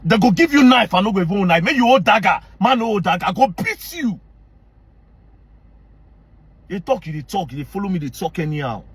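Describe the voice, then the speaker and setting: A Nigerian man with a high, husky voice rants straight into the camera. He is angry and confrontational, circling back on the same lines and slipping into Pidgin. His delivery is hard, direct and relentless. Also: big pitch swings, fairly quick, long pauses, no echo. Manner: angry, confrontational, repetitive, mixing Pidgin into English. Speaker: online commentator. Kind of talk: heated rant to camera.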